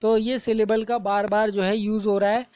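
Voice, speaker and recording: A woman teaching a lesson, explaining terms patiently, repeating points and reading examples slowly and deliberately. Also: mid-range voice, level tone, darkish tone, no echo, muffled recording.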